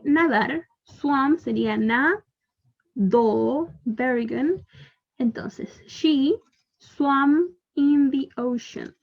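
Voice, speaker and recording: Slow-spoken Chilean woman teaching English. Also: a little high, lo-fi sound. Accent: Chilean Spanish. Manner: slow drawn-out English models, quick Spanish explanations. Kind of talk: bilingual online class.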